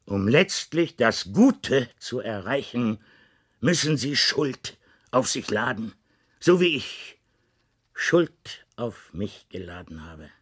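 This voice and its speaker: Playing the lonely, grave president of an underground state in a sci-fi radio drama, this man speaks solemnly and formally, at a measured pace with heavy pauses. His husky, mid-range voice has a sing-song lilt and a heavily acted quality. There's a resigned, sorrowful feeling to it.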